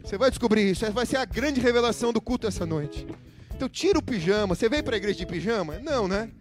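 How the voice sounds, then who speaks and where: A man's voice: sits high, lively intonation, fast. A man preaching as pastor in a church, telling a funny story and joking with his congregation in a livestreamed sermon. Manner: joking, chatty, asks the congregation questions. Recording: guitar music playing underneath. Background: guitar music.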